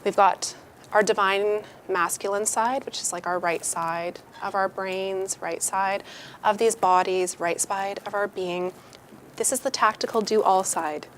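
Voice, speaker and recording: A workshop speaker gives a casual motivational talk to a live group, candid and chatty, swearing freely and acting out the voices of people she quotes. Her voice is medium in pitch with fairly even intonation, a little slow, with slight background noise.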